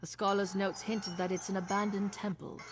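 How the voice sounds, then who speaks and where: A woman's voice: medium pitch, flat delivery, normal speed, close to an everyday voice. An actress playing a wary, practical woman gambler in a video game, speaking in a dry, matter-of-fact way. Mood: guarded. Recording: long reverb, faint noise.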